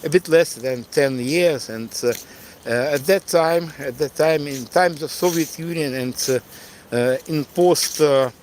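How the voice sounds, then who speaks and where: A middle-aged live streamer and tour guide from Donetsk in eastern Ukraine, a native Russian speaker, gives an unscripted livestream monologue answering chat. He speaks in halting, hesitant English with a Ukrainian accent, searching for words. His voice is a little high and a little mellow, with a bit of hiss or hum.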